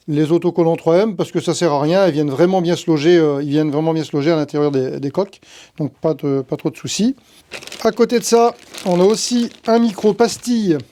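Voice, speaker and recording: Handling the equipment as he goes, a man in the tree-work trade explains each step of a casual tutorial and thinks out loud. He has a high-pitched voice with a dark tone.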